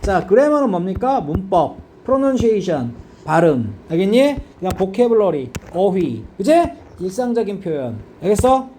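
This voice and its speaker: A man's voice: high voice, big pitch swings, moderate pace, hardly any pauses, warm tone, a little hiss or hum. A man teaching an English grammar lesson, constantly checking in with students by asking if they understand. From South Korea. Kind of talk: classroom grammar lecture.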